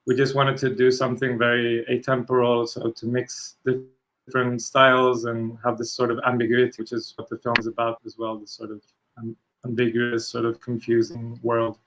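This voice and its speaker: A man speaks in an even, level tone that barely rises or falls. He answers questions slowly and haltingly, restarting phrases as he searches for the right words. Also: mid-range voice, poor audio. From Mallorca, Spain. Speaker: film director. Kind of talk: panel answers.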